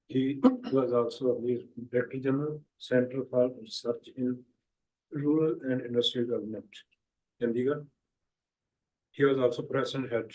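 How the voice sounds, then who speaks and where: A man chairs a seminar in a conference room. He speaks in a mid-pitched, warm, mellow voice. His speech is halting and full of fillers as he introduces a speaker. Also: poor audio. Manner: halting, with many pauses and fillers. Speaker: session chair.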